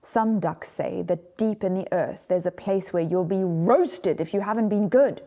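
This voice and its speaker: A storyteller voicing an anxious, curious, excitable female duck in a children's storybook, chattering and questioning. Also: mid-range voice, a little slow, close to an everyday voice. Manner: chattering, questioning, easily delighted.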